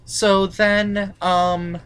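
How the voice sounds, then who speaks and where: A woman hosting a casual episode review chat, recapping the plot in halting sentences with many restarts. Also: medium pitch, little pitch movement, clear, resonant tone. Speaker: podcast host.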